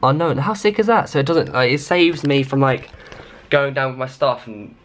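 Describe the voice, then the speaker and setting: A man's voice: medium pitch, moderate pace, slight background noise. A young man with a British accent, chatting casually to a camera as a vlogger. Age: young adult. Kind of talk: casual vlog chat. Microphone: handheld camera at arm's length.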